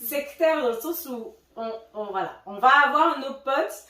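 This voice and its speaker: A woman singer from Switzerland in casual chat, lively and laughing often, trailing off mid-sentence. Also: sits high, unhurried. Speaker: singer in a vocal group. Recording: roomy, distant from mic, faint noise.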